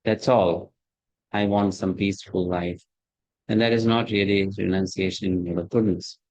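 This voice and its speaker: A man teaching an online scripture class over a video call, his voice muffled as if heard through a wall, talking in halting phrases with many restarts. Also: sits low, steady tone, darkish tone, no echo. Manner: halting, with frequent restarts and fillers. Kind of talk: lecture with questions to students. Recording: dull, lo-fi, dry computer mic.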